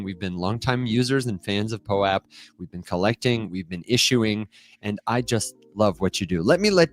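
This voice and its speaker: Playful man hosting a podcast. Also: mid-range voice. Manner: playful, upbeat, explaining a game. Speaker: podcast host.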